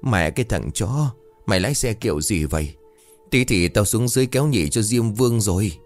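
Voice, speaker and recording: A man voicing a panicky young male rascal who curses and shouts. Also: fairly low pitch, expressive, brisk, soft background music, natural voice. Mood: angry. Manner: cursing, shouting in alarm.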